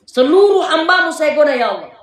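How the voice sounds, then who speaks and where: A man's voice: extremely high pitch, very animated, brisk, a bit bright, pitched above the performer's own voice, full character voice. A male preacher with a South Sulawesi accent voicing a proud, scheming male devil who makes grandiose vows. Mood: boastful. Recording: echoey hall, voice far from mic.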